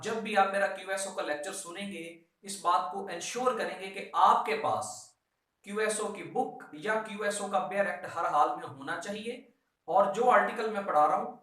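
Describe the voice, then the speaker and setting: In an echoey whiteboard room, a man teaches law to exam students with a Pakistani accent, his voice high, a bit bright, and at normal speed. He speaks emphatically, repeats the main instructions, and mixes in English terms, all picked up by a distant mic amid heavy echo.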